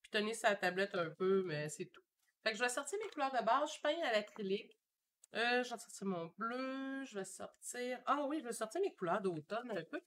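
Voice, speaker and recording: A woman's voice: a little high, normal speed, a little hiss or hum. A woman with a Québécois French accent, chatting casually and thinking aloud while she paints live from her home studio. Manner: chatty and relaxed, thinking aloud with many fillers. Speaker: painter hosting a live stream.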